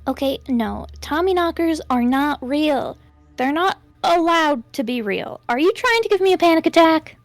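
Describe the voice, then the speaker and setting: A woman voicing a high, panicky young woman. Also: animated, dry recording, faint music behind. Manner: nervous, fretful and quick to panic. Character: anxious, jittery young woman. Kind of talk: fan voice drama.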